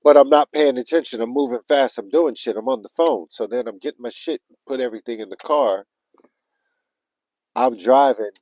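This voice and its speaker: A man's voice: mid-range voice, normal speed, no room sound, low-quality recording. A man telling a story casually on a livestream, swearing often and acting out his own panicked self-talk. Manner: animated, profane, retelling with quoted self-talk. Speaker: livestream vlogger.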